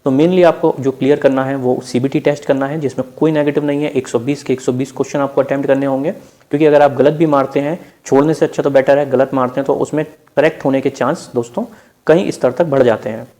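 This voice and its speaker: A man with an Indian accent, presenting exam-prep material, narrates an informal explainer over on-screen slides, calling listeners friends and using English terms. His medium-pitched voice is warm and fast, with fairly even intonation.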